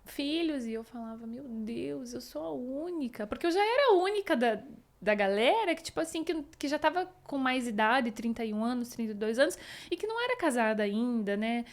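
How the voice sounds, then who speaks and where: Woman in her 30s telling her story on a podcast, kinda high voice, lots of fillers, retells what everyone said. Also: very animated, fairly quick. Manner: chatty, retells scenes and quotes people, leans on fillers like "assim". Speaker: podcast guest. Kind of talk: personal storytelling in an interview.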